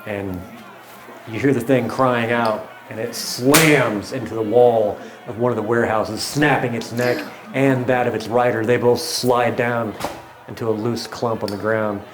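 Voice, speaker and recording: A man running a tabletop game as game master, setting scenes in a measured, descriptive way. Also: mid-range voice, fairly even intonation, background noise.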